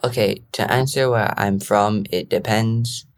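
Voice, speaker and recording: A man's voice: fairly low pitch, steady tone, measured pace, over loud music. A teenage boy from Malaysia hosting a podcast, talking in a rambling, jokey, informal way. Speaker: podcast host. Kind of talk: casual podcast monologue.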